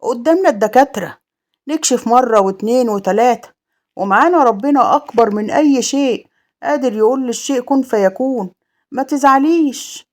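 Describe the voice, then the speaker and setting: A woman voicing a gentle young village husband who comforts his wife, with an Egyptian accent. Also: on the high side, a little fast, voice pushed up, lightly acted. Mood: soothing.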